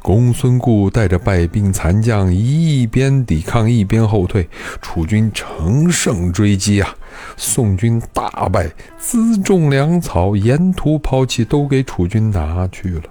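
Low, animated male storyteller. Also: slow pace, hardly any pauses. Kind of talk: scripted historical story narration.

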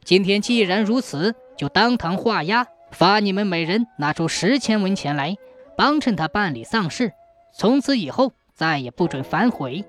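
Sharp commanding old magistrate, mocking tone, lively pitch, put on by a storyteller, storybook telling. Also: moderate pace, faint music behind, close to an everyday voice. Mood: stern. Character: stern clever old male county magistrate.

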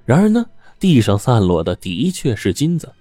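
Low warm dude telling a long story, dry close sound, a bit of soft music behind. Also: male voice, dry recording. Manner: steady, dramatic storytelling with drawn-out particles. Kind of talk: serialized story narration.

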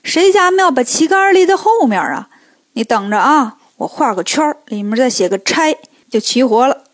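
A boastful male warrior god from a children's storybook, sly and sure of himself, put on by a woman narrator. The voice sits high yet dips a little lower for him. It is recorded dry and close, with no room sound. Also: big pitch swings, moderate pace, no room sound. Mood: mocking. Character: bold male celestial warrior god, scheming.

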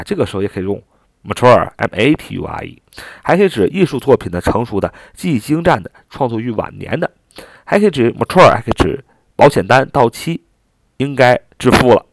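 A man with a fairly low, gravelly voice teaches English vocabulary step by step, using filler particles. He spells each word out letter by letter and repeats it, and there is no echo.

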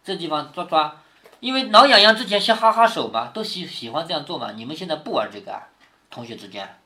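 A man's voice: a little high, animated, fast, pushed and bright. A man reading a classic novel aloud to his daughter, stopping to explain passages and ask her questions. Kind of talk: storytelling with commentary.

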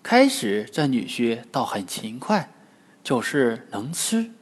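A man narrating a classic tale for children in an expressive storytelling manner. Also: mid-range voice, slow pace, slightly rough. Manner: lively, expressive. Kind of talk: scripted narration.

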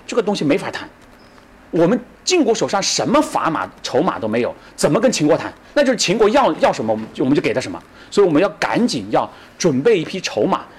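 Lively husky man telling history. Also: on the high side. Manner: animated, acts out quoted speech, many fillers like "对吧". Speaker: lecturer on ancient history. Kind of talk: lively storytelling lecture.

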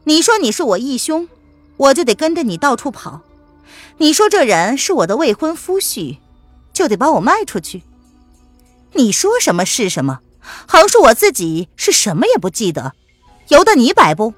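A woman's voice: on the high side, big pitch swings, normal speed, pauses often, no room sound, faint music behind, voice pushed up. A woman voicing a fiery young woman who speaks sharply and scornfully.

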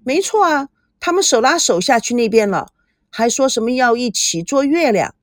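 A moody young woman answers in a sulky, coquettish way, as a woman reader puts her on. Her lively voice rises sharply when she protests. The recording is dry and close. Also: fairly high pitch, moderate pace, dry recording, lightly acted.

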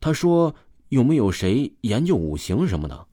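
A man's voice: mid-range voice, very animated, moderate pace, dry recording, clean studio sound. A man voicing a cautious young male swimmer who asks careful questions. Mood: probing. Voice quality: soft, tentative.

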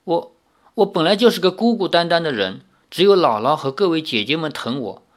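A grieving young girl, as a male narrator puts her on, plaintive and near tears. Her voice sits higher and rises and falls a lot. An audiobook story. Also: very animated, a little fast. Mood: tearful.

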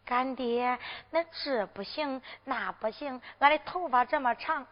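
A cheeky young village girl, as a woman performer plays her in Henan zhuizi storytelling, speaking slowly and high in a Henan accent with hesitant, drawn-out interjections. The recording is dull and lo-fi, with a long hall reverb and faint music. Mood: cheeky, coaxing.

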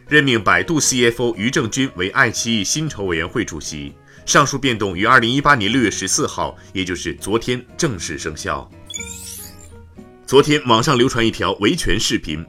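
A man reads a scripted morning news bulletin in a formal, forward voice with crisp, bright edge. His lowish pitch swings in animated contours from phrase to phrase. Light music plays behind him. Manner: formal newsreader delivery. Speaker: news podcast host. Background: background music.

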